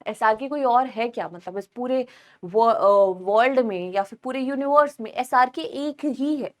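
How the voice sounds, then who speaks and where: A woman's voice: fairly high pitch, unhurried. Chatty young woman teaching grammar. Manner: chatty, mixes Hindi and English, asks learners questions. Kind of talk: recorded online lesson. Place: room with no one else present.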